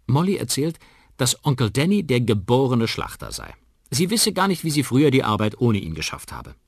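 A man narrating a children's story on the radio in an expressive, vivid way. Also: mid-range voice, moderate pace, vocal fry, slightly rough, no room sound, clean studio sound. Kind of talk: children's audiobook reading.

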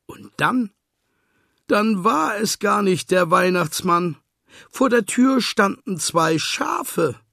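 A man's voice: high voice, lively intonation, takes it slowly, gravelly, pushed and bright, no echo, studio quality. A man reading a children's storybook aloud as narrator, telling it expressively.

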